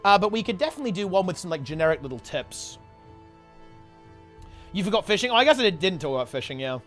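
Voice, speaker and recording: A man's voice: high voice, sing-song, quick pace, fairly bright tone, faint music behind. A man streaming casually to his chat, rambling in gamer slang and repeating himself while getting over a sickness. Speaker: game streamer and video host.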